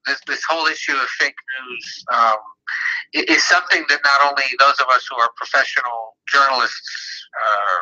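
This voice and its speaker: A man speaking over the phone as a politics reporter, explaining at a measured pace with frequent filler pauses. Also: mid-range voice, bright, forceful tone. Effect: heard over the phone. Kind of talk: phone interview. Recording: muffled phone line.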